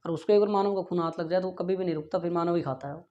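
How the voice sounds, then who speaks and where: Very fast and steady in tone, a male physics teacher's high, dark voice runs through a classroom lecture and an earnest, pleading talk. He often checks if students follow and says "yaar". A dull lo-fi recording captures him in a classroom with a board.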